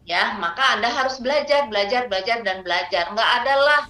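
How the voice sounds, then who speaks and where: A woman's voice: a little high, animated, a little fast, pushed and bright, faint music behind. A middle-aged woman giving motivational promotional talk as a guest instructor, emphatic and repeating words for stress. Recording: roomy echo on the voice.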